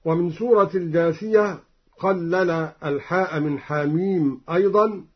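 A man teaching the readings of sacred verses, explaining each point in a measured voice and then chanting the verse melodically. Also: fairly high pitch, husky. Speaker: Quran recitation teacher. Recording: dull lo-fi recording.

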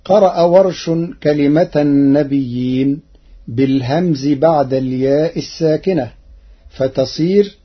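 A man teaching Quran recitation variants in a measured way, quoting each verse and then explaining it. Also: on the high side, breathy edge. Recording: dull lo-fi recording.

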